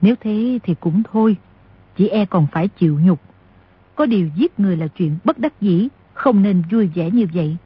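A stern older nun speaks in a breathy, husky tone, lowered a little, as a woman narrator plays her. Her manner is solemn and reproving. The audiobook recording is dry and slightly lo-fi. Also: lively intonation, normal speed, no echo.

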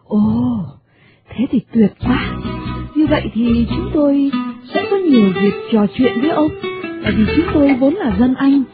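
A woman's voice: high-pitched, lively intonation, unhurried, over music, pitched above the performer's own voice. A woman voicing a cheerful, gushing middle-aged American woman in a radio play, over a tinny medium-wave broadcast. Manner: gushing, bubbly.

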